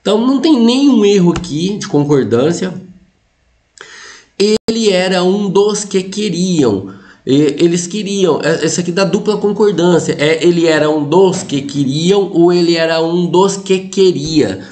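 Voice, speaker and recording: A man's voice: fairly high pitch, moderate pace, few pauses. A Brazilian man teaching a Portuguese grammar lesson for exam prep, explaining step by step and joking with his students. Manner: explanatory, lively, jokes with students, frequent "tá?" and "ó".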